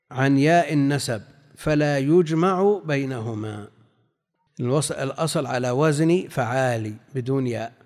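A man's voice: medium pitch, in a large hall. A man teaching a classical text lesson, reading passages aloud, explaining them and putting questions to his students. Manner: reads quoted passages then explains, asks students questions.

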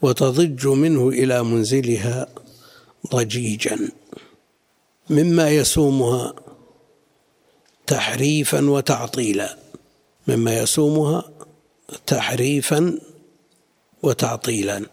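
Middle-aged sheikh, explanatory classroom teacher, gravelly with a rough husky edge. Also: male voice, medium pitch, slow, long pauses. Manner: explanatory, questions students, quiet asides. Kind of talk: classroom lesson explaining a text.

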